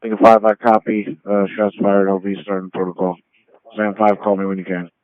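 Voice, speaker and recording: A man's voice: fairly low pitch, level tone, a little fast, smooth, no echo. A male police officer speaking in procedural terms over police radio. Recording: tinny, narrow police radio transmission.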